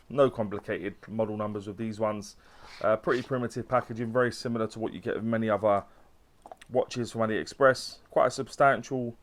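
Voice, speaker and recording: A man hosting a casual watch unboxing review, chatty and loose, with fillers and restarts. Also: lowish voice.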